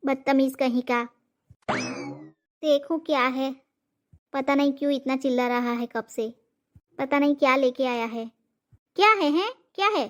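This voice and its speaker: A woman voicing a fierce old cartoon mother who scolds without pause, sharp-tongued and loud with insults. The voice sits high for an old woman. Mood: irritated scolding. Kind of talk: cartoon comedy voice acting.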